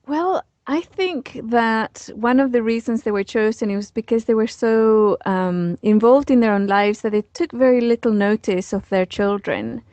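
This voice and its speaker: A Chilean woman in her forties tells stories as a guest in a relaxed interview, her voice fairly high and darkish with no room sound. She speaks at a moderate pace with few pauses, hesitating often, using lots of fillers, restarting phrases, and laughing easily.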